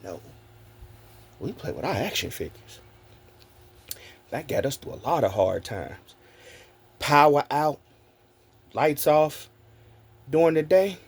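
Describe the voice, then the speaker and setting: A man in his forties, a content creator, telling childhood stories in a casual, animated vlog. He talks straight to his viewers, laughs often and swears freely. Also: a little high, takes it slowly, gravelly, pauses often, husky.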